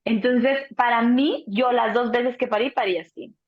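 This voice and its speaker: A Mexican woman in her thirties, a doula, telling a birth story in a relaxed chat, acting out the voices of the people in it and swearing casually. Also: on the high side, unhurried. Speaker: doula, co-host. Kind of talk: casual conversation. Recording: dull lo-fi sound.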